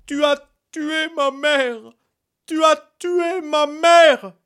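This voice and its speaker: A man voicing a village simpleton in a folk tale, with high-pitched, drawn-out wailing cries. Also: sing-song, dry recording, studio quality. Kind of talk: storytelling.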